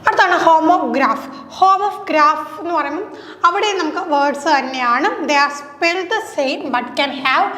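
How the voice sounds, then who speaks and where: A woman's voice: sits high, a bit bright. A woman teacher with a Malayali English accent, a Malayalam speaker, runs an exam-prep lesson and asks questions that she answers herself. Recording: echoey room with long reverb.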